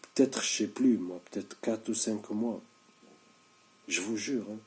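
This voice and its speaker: A man in his thirties who clearly lacks sleep delivers a casual monologue straight to camera. His voice is on the low side with a dark tone, and he keeps a measured pace while repeating himself insistently, often faltering and beginning again.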